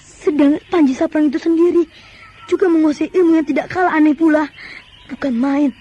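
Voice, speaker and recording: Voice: sits high, steady tone, a little fast, mellow, highs cut off, lightly acted. A performer playing a bold, taunting young fighter in an old radio drama, with theatrical delivery. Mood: astonished. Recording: music under radio drama.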